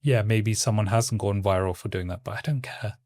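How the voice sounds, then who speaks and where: Man, monotone and calm, stoic delivery, low-pitched, dry close sound. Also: no room sound. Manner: stoic, measured. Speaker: guest, content creator. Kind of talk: casual interview talk.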